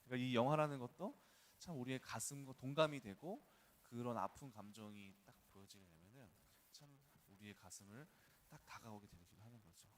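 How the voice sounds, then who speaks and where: In his dawn service sermon, a male pastor talks conversationally at an early-morning church service, telling stories with personal anecdotes. He has a medium-pitched voice and speaks a little fast. A little hiss or hum runs underneath.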